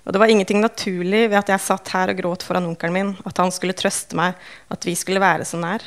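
A woman reading a first-person novel aloud in calm, measured, understated narration. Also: lowish voice. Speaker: audiobook narrator.

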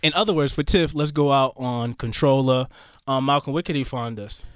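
A man's voice: mid-range voice, normal speed, clear, resonant tone. A man co-hosting a casual podcast chat, sounding wheezy and short of breath from being sick. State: short of breath, recovering from sickness. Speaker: podcast co-host.

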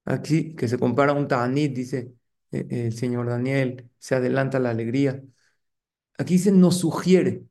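Engaging rabbi preaching. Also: male voice, mid-range voice, moderate pace, warm tone. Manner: engaging, asks the audience rhetorical questions. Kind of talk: lively sermon to a congregation.

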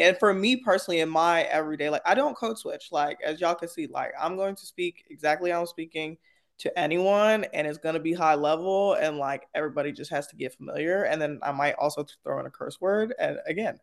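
A man's voice: a little high, vocal fry. A man speaking as a panel guest, casual and opinionated, articulate and emphatic, peppering points with "like" and "right?".

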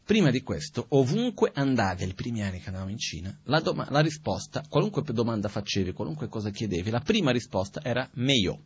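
A man giving a Buddhist teaching in a calm, conversational way, asking rhetorical questions as he goes. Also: mid-range voice, quick pace, hardly any pauses, husky, no room sound. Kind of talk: spoken dharma teaching. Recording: dull, dry, lo-fi recording.

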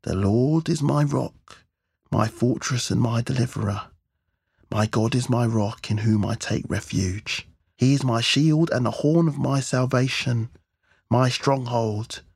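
A man voicing a desperate male gunman who whispers a psalm in a slow, hushed, prayerful recitation. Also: mid-range voice, vocal fry, husky, no echo, clean studio sound, voice pushed up. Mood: fervent.

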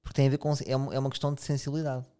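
A man's voice: medium pitch, level tone, racing, warm tone, clear, resonant tone. A man with a European Portuguese accent hosting a casual chat, asking probing, reflective questions.

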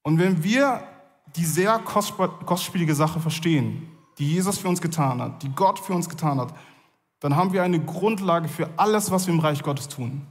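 A man's voice: fairly high pitch, normal speed. Man preaching casually in a reverberant hall. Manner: casual, conversational preaching with many fillers. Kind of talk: sermon.

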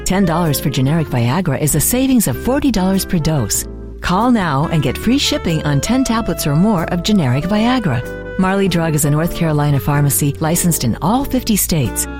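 A woman announcer delivers a scripted infomercial pitch. Her voice sits a little low and moves widely in pitch, with music clearly playing underneath. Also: big pitch swings, normal speed. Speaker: advertising announcer.

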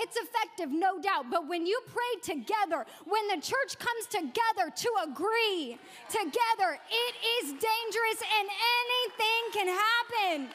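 A woman pastor with a very high voice delivers an emphatic sermon, leaning on key words and repeating them. Her voice carries a long reverb tail from a church sanctuary. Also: fairly bright tone.

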